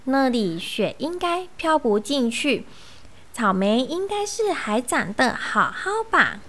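A woman's voice: sits high, sing-song, takes it slowly, fairly bright tone, full character voice. A woman voicing a kind young male fox cub in a children's storybook, talking in an earnest, childlike way. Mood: hopeful.

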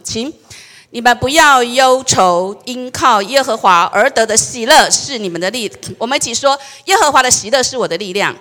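A woman pastor giving a sermon, leading the congregation in reading verses aloud and telling jokes in Taiwanese Mandarin. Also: fairly high pitch. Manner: animated, tells jokes and leads the congregation in call-and-response.

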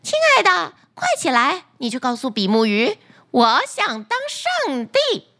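A woman's voice: high voice, wildly swooping pitch, measured pace, pushed and bright, exaggerated voice. A woman voicing a greedy, demanding fisherman's wife who wants to rule everything, in a storybook tale. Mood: eager. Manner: demanding, imperious.

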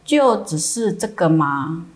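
A woman's voice: lowish voice, very animated, slow. A woman reading as a doubtful young student. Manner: questioning, doubtful.

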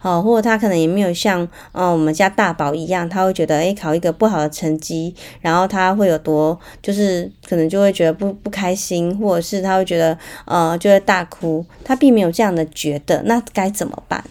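A woman's voice: fairly low pitch, fairly quick, hardly any pauses, a little mellow. Woman, Taiwanese Mandarin accent, chatty parenting podcast host, story-driven and filler-heavy.

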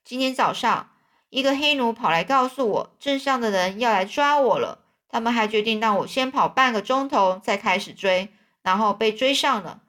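A brash old conman-preacher who brags and scolds, played by a woman reading a storybook aloud. The voice sits a little high and runs at an even pace. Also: natural voice. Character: boastful old male swindler preacher.

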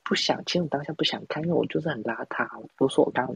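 A young man from Taiwan hosts a casual podcast chat, racing through a rambling, self-mocking story with many restarts and laughs. His medium-pitched voice is gravelly and slightly rough, captured in a low-quality recording with no room sound.

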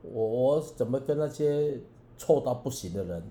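A man, a preacher and songwriter giving an earnest, halting personal testimony as a radio guest, with many restarts. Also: medium pitch, lively intonation, warm tone, reverberant, a little hiss or hum.

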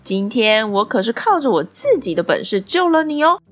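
A woman voicing a timid little male mouse in a bedtime story, stammering and high. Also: animated, moderate pace, faint music behind. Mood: proud.

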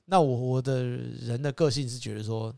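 A man with a Taiwanese Mandarin accent, a used car dealer telling stories in an animated, casual chat. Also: normal speed, creaky. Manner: animated, acts out customers and his father with rising pitch and laughter.

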